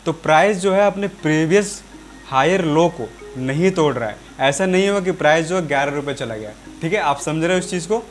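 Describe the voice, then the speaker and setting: A man with a sore throat teaching market trends over a chart, often checking in with "okay" and addressing his viewers as friends. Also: fairly high pitch. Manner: repetitive, keeps saying "okay" and "friends". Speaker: trading teacher. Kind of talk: explaining a chart on screen.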